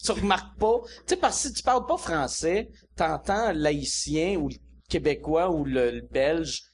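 A man with a Quebec French accent hosts a casual comedy podcast, his voice pitched high and swinging widely up and down. He rambles and teases his guests with quick jokey asides. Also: expressive. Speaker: podcast host.

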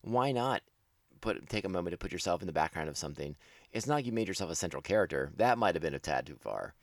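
A man with a low, deep voice talks through a casual podcast commentary, circling back and correcting himself as he goes. His fan enthusiasm comes through, and he laughs at his own slips. The sound is dry and close, with no room around it. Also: very animated, fast, dry recording. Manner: rambling, with frequent restarts and self-corrections.

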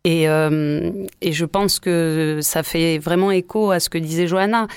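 Smooth-voiced woman, earnest guest. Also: deep voice, fairly even intonation, measured pace, dry recording, studio quality. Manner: earnest, storytelling. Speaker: community project guest. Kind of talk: live radio discussion. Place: crowded radio studio.

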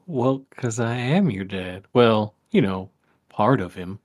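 Folksy dad spirit, played by a male game master, fatherly, gentle country storyteller for an improvised tabletop fantasy. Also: lowish voice, animated, slow. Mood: fond, knowing. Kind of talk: improvised tabletop role-play.

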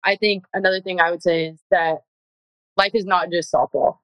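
A young woman, a college softball player, talking earnestly in a casual interview and leaning on "like" a lot. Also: on the low side, normal speed, clean tone, no room sound, rough recording. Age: young adult. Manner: earnest, heavy use of "like", gets emotional.

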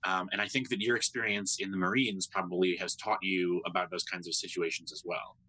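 A man with a very low voice that still carries a bright, forceful edge. He answers as a podcast guest in a thoughtful, measured way. He often checks in with a quick "right?". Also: fairly even intonation, rough recording. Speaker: podcast guest, computer scientist. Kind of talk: conversational interview answers.

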